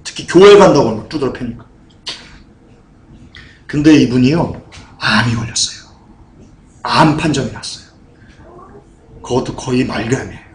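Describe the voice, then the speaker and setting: A man's voice: medium pitch, expressive, normal speed, long pauses, roomy sound, rough recording. A man preaching a sermon as pastor, with emphatic, repeated appeals to the congregation.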